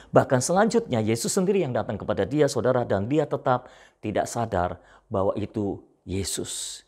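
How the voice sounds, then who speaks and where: Male pastor preaching with big swings from loud to hushed, repetitive, animated pitch, middle register. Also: creaky. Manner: addresses listeners directly as brothers and sisters. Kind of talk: sermon.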